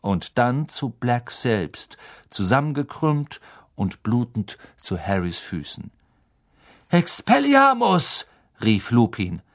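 A man narrating a novel as an audiobook in a dramatic, deliberate reading. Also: mid-range voice, darkish tone.

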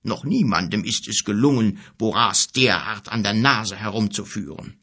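A man's voice: lowish voice, lively intonation, sharp tone, husky, heavily acted. A man voicing a weary old pond king. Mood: grave. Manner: grave, bitter, measured speech. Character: old bent sorrowful king of a pond people.

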